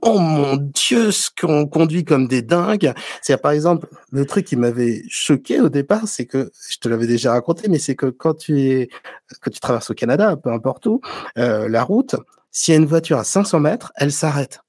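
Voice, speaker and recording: A man's voice: medium pitch, expressive, a little fast, darkish tone, no room sound. A French man hosting a casual interview, stammering and repeating words as he starts his thoughts. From France. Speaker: interviewer, host.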